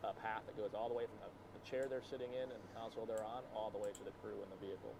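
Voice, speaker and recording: A man's voice: on the low side, flat delivery, very fast, gravelly, noisy background. A man giving unscripted live launch commentary as an astronaut guest, explaining things in loosely strung phrases.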